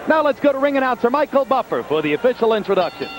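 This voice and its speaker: A man's voice: very high voice, sing-song, quick pace. A man giving live boxing commentary as a broadcast announcer in full, explanatory sentences. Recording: very loud crowd noise behind. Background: roaring arena crowd.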